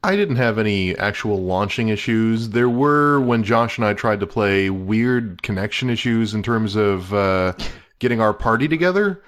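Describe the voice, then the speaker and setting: A man with a lowish voice explains things on a casual gaming podcast. He speaks in a dry, measured, matter-of-fact way. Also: animated, fairly bright tone.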